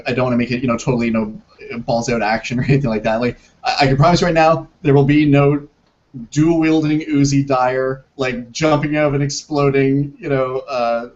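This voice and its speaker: Guy on a video call, kinda muffled lo-fi sound, lots of ums and restarts, filmmaker being interviewed. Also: medium pitch. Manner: hesitant, many restarts and fillers. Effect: heard over a video call that breaks up. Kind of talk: interview conversation.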